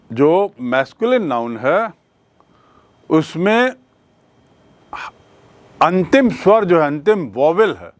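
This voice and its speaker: Slow, deliberate male grammar teacher. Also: a little high, no room sound. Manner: explains in Hindi mixed with English, repeats questions and spells words letter by letter. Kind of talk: classroom grammar lesson.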